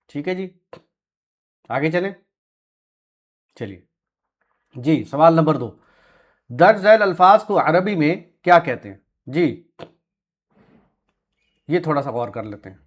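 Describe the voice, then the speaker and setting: A man teaching Quranic Arabic words to a class, patiently correcting pronunciation and confirming answers. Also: a little high. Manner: clears throat often, soft short confirmations. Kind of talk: classroom lesson with students.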